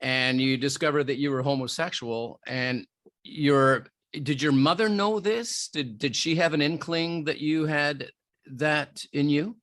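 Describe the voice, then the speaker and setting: A man's voice: on the high side, a little slow, fairly bright tone, no room sound. A man hosting an interview podcast, talking in a friendly, earnest way with many restarts. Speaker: podcast host.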